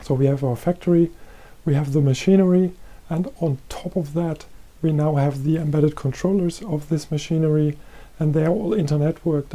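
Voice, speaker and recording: A middle-aged man giving a recorded presentation as head of a research chair, explaining calmly and repeating himself. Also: a little high. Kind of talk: presentation lecture. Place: green-screen studio.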